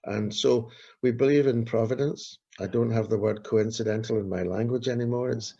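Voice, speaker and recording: A man's voice: medium pitch, steady tone, moderate pace, vocal fry, warm tone, slightly rough. A man, a street pastor telling earnest stories in an interview and repeating his key phrases. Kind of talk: storytelling in an interview. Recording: dull lo-fi recording.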